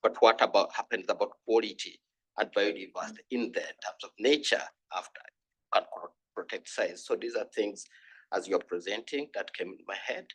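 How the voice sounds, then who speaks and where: A man from Uganda, giving an earnest, halting comment in a conference panel and often restarting his sentences. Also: lowish voice, slightly rough, rough recording. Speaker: panel discussant.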